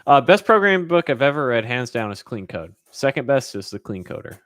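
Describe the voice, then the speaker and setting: Answering viewers' questions in a casual chat, this American man from California speaks informally and drifts as he thinks aloud. He has a mid-range, sing-song voice, a brisk pace, and a fairly bright tone, and the recording is dry.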